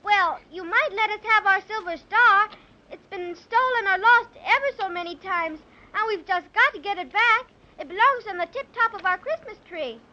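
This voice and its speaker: A woman's voice: very high-pitched, moderate pace, pushed and bright. An actress playing a polite, gushing young girl in a 1930s radio drama. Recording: dull lo-fi old radio recording.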